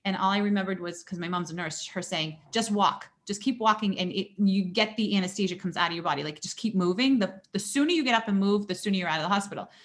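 A woman being interviewed on a podcast, telling a personal story. She talks in an animated, lively way, laughing often and restarting her sentences. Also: medium pitch, fast, hardly any pauses. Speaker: podcast guest.

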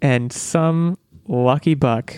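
A man talking casually as a podcast co-host, animated and musing aloud with rhetorical questions. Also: medium pitch, takes it slowly, clean tone, no room sound. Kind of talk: casual chat.

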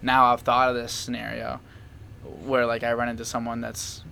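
A man's voice: mid-range voice, normal speed, creaky, a little hiss or hum. A young man chatting casually and rambling, with lots of fillers and frequent laughs. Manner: rambling, animated, laughs often, many fillers. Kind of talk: casual chat.

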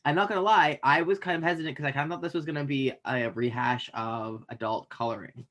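A man's voice: mid-range voice, fast, fairly bright tone. A man from Canada co-hosting a podcast, chatting in a rambling, joking way with frequent restarts. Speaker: podcast co-host. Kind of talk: casual chat.

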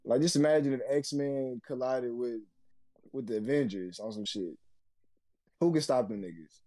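A man's voice: medium pitch, normal speed, mellow, dry recording. An American man in casual podcast banter, arguing back in a slangy, protesting way.

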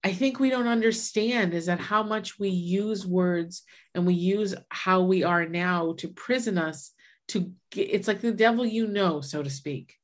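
A woman's voice: mid-range voice, a little slow. A woman in her forties in casual, earnest conversation, reflecting aloud with many restarts. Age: 40s. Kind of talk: casual chat.

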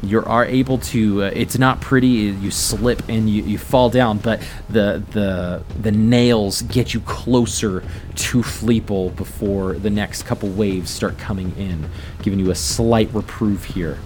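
A man with a fairly low voice serves as game master at a tabletop game. He narrates and calls for rolls haltingly, over faint background noise. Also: fairly even intonation, a little mellow.

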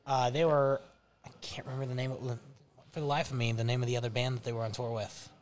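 A man with a medium-pitched voice talks as a guest from a band. His delivery is casual and conversational, as if recounting stories among friends. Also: little pitch movement, fast. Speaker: band member, podcast guest. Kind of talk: casual anecdotal chat.

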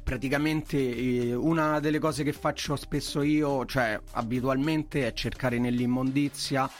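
A man with a Roman accent chatting casually as an interview guest, his voice hoarse and giving out from strained vocal cords. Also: medium pitch, steady tone, measured pace. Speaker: interview guest, artist working in film.

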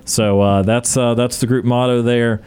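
A man hosting a sports radio show and wrapping up the episode, talking in a relaxed way with filler words. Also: medium pitch, normal speed, smooth.

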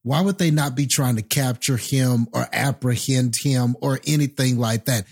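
A man's voice: medium pitch, normal speed, a little mellow. A man co-hosting a casual movie review podcast who fires off questions and laughs often. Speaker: podcast co-host.

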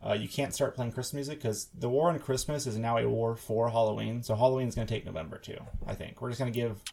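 Gravelly man in an echoey room. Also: mid-range voice, fairly even intonation, fast, darkish tone, slight background noise. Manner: rambling, many restarts, jokey. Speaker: podcast host. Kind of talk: casual chat. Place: room in his house. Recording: echoey room with sound bouncing off a wall.

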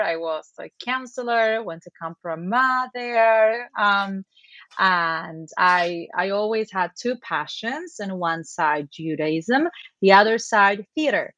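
Woman, middle-aged, podcast guest, mid pitch, dry recording. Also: a bit bright, dry recording, lo-fi sound. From Buenos Aires, Argentina. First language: Spanish. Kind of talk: interview conversation.

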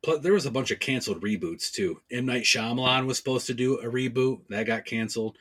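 A man co-hosting a podcast, giving informative recaps and reviews in a casual chat with deadpan jokes. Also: mid-range voice, fairly quick, husky. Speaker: podcast co-host.

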